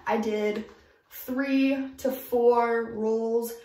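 A chatty young woman talks through her DIY tips in an upbeat, emphatic way. Her voice sits a little high, and the bathroom adds a roomy echo. She sounds slightly off-mic. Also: fairly even intonation, drawn-out words, mellow, distant mic. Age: young adult. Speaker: DIY vlogger. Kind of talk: casual tips vlog. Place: home bathroom, indoors.

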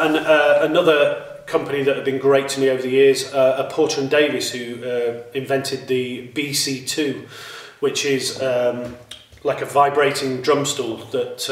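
A British man, a drummer, talking casually about his gear in a relaxed way, with many ums and restarts. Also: medium pitch, recorded from a distance. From United Kingdom. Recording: echoey room, mic some way off.

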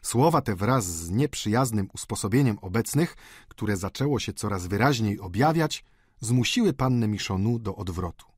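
A man narrating a classic novel audiobook in a measured, expressive storytelling manner on a close mic. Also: fairly low pitch, breathy edge, no room sound.

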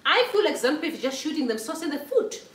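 A woman in her thirties from Zimbabwe holds forth in her kitchen, her lively voice swinging high and low as she preaches and repeats her points for emphasis. The camera sits a few steps away, so the voice comes across distant and echoey off the hard kitchen surfaces. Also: fast talker. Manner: animated, preachy, storytelling with emphatic repetition. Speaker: political commentary host. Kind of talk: casual political commentary vlog. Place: home kitchen, indoors. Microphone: far camera.

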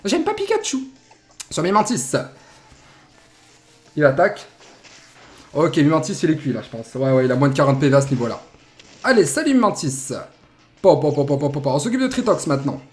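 An animated young man with a cold hosts a Let's Play, giving casual gameplay commentary from a desk in an indoor room. His voice is on the high side and brisk, broken by long pauses, and his manner is playful and jokey.

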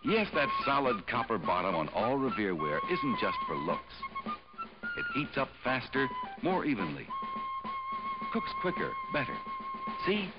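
A man doing an upbeat pitchman voice-over in an old 1960s TV commercial. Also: wildly swooping pitch, a little slow. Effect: old 1960s TV commercial sound. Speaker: commercial announcer. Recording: dull lo-fi old TV audio with loud music.

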